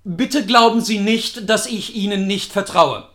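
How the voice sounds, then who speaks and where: A man's voice: high-pitched, a little slow, bright, forceful tone. A man reading the lines of a secretive, pompous male professor in a lecturing, self-assured tone.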